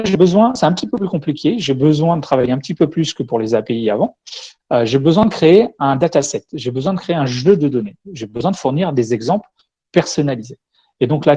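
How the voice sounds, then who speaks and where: A man's voice: medium pitch, darkish tone, slightly rough. Man giving a tech talk with demo. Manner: explains step by step while demoing. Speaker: tech conference speaker. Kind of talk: conference talk with live demo.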